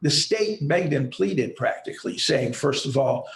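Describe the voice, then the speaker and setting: A man's voice: fairly high pitch, animated, measured pace. Man arguing in an echoey courtroom. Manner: persistent, argumentative. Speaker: attorney for the state. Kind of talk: appellate oral argument.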